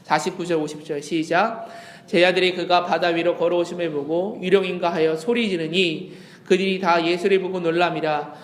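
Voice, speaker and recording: A man preaching a Sunday sermon as pastor, earnest, dropping to a hush when he quotes Jesus. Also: sits high, steady tone, moderate pace, hardly any pauses, reverberant, a little hiss or hum. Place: church sanctuary.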